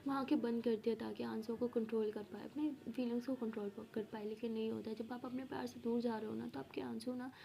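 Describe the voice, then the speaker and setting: A woman storyteller narrates a love story with a soft, mellow tone. Her voice sits fairly high, and she shifts expressively into the voices of her characters. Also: fairly even intonation, fast talker, creaky, hardly any pauses.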